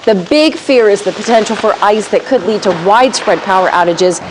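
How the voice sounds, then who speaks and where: A woman's voice: medium pitch, fairly quick, background noise. An American woman co-anchoring a TV newscast, reading scripted news.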